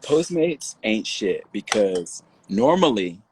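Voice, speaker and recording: A man joining a casual livestream from home over a phone call, chatty and quick to laugh. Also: on the low side, slight background noise. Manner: laughing, chatty, animated storyteller. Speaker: livestream guest. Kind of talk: casual chat.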